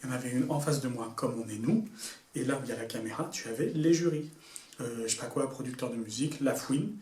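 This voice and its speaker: A young man telling a story to camera in a casual, slangy way, full of asides. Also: medium pitch. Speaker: YouTuber. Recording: echoey room, a bit far from the mic, faint noise.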